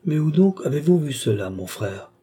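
A man's voice: fairly high pitch, very animated, moderate pace, dark tone, breathy edge, voice pushed up. A man reading aloud, voicing a frail, nervous young noblewoman who talks in a breathless, protesting way.

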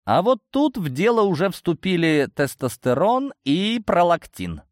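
Brief: lively, wry male storyteller, dry close mic. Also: high-pitched, unhurried, no echo. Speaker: narrator. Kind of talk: audiobook narration.

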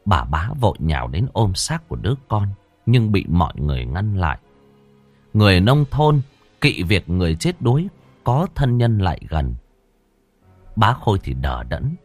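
Man narrating an audiobook, lowish voice that swings wildly, dry close sound. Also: a little mellow. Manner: dramatic storytelling with shifting voices. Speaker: storyteller.

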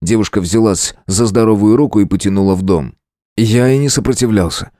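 A man narrating a first-person adventure audiobook in a steady, measured way. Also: on the low side, no echo, studio quality.

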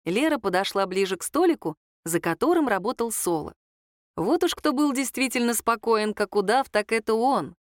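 A woman narrating a novel in an even, lightly wry storytelling manner. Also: on the high side, normal speed, no echo, studio quality. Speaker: audiobook narrator. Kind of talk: scripted narration.

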